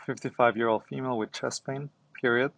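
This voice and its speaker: A man's voice: medium pitch, fairly even intonation, a little fast, creaky, fairly bright tone. A man, a doctor, doing medical dictation in clipped phrases, speaking punctuation and commands aloud. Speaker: doctor and founder demonstrating dictation.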